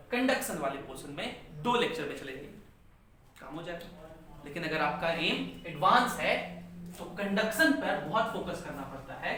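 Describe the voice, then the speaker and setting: A man's voice: high-pitched, pushed and bright. A male physics teacher lecturing a class, asking questions and repeating key terms. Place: large echoey classroom. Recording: echoey classroom from far off, faint noise.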